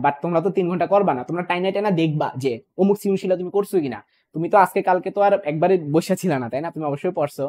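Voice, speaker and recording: A man's voice: high voice, darkish tone. A young man teaching an online physics exam-prep class, repeating points and checking in often with his students. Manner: fast, repetitive, checks in with "okay?" and "clear?". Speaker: physics tutor.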